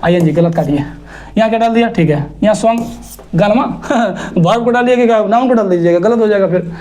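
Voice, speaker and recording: A male teacher runs an exam-prep grammar lesson in a lively, teasing way. He scolds with rhetorical questions and spells words out letter by letter. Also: high voice, a little fast, slight background noise.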